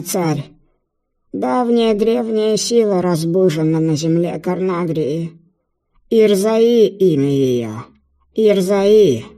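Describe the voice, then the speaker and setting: Squeaky gravelly root-creature messenger, sly, slow and drawn out, storybook. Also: male voice, warm tone. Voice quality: squeaky, creaking. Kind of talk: audiobook character voice.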